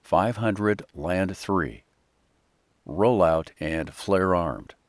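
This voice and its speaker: Low-pitched man making slow, clipped cockpit callouts. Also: dry recording, studio quality. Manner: terse, procedural. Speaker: airline pilot.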